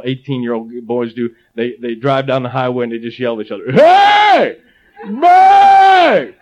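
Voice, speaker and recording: Animated high-voiced preacher man. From Ohio. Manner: animated storytelling, jokey asides. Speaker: pastor. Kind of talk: sermon. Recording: slightly dull lo-fi audio.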